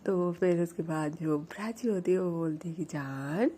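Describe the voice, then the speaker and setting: A woman's voice: on the low side, moderate pace, mellow. A woman storyteller narrating a romance in a chatty, conversational way. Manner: chatty, conversational retelling with fillers.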